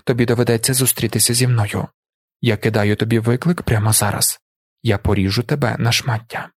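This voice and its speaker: A man's voice: medium pitch, fairly even intonation, a little fast, no room sound, lightly acted. Man reading as fierce protective mother, cold, threatening, audiobook, dry close sound.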